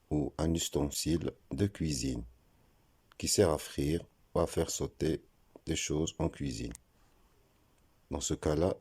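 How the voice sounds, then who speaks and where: A man with a very deep, dark voice explains pronunciation in a slow, deliberate way. He spells words out letter by letter, like a patient teacher. His tone is husky. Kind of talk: scripted explanatory lesson.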